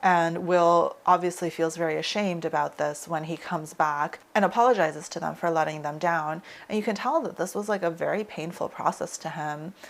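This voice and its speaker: A woman's voice: on the low side, moderate pace, gravelly, few pauses, a little hiss or hum. A young woman coaching her viewers in a casual talk to camera, chatty and full of "like" fillers. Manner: chatty, heavy use of "like" fillers. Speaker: leadership coach.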